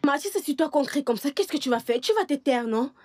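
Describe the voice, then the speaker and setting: A woman's voice: high voice, expressive, quick pace, a little mellow. A young woman dubbing a timid village woman who answers meekly and defends herself, in a French film dub. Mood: defensive. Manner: meek, defensive. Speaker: dubbing actor.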